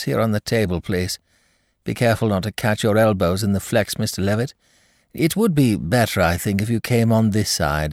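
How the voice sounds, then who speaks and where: A man's voice: on the low side, no room sound, studio quality, pitched above the performer's own voice. A man doing a cool, detached old doctor.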